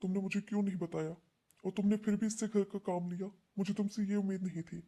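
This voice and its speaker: Brief: woman doing a young married son, warm and dark-toned, anxious then stern. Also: mid-range voice, fairly even intonation, fast talker, close to an everyday voice. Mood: reproachful. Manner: urgent, reproachful. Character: worried young husband and son. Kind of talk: home-made short drama.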